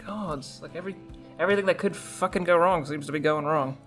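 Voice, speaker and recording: A man's voice: a little high, a little fast, fairly bright tone, faint music behind. A man playing a tabletop game, rambling and swearing often with self-mocking humor. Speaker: player. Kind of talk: casual tabletop chat.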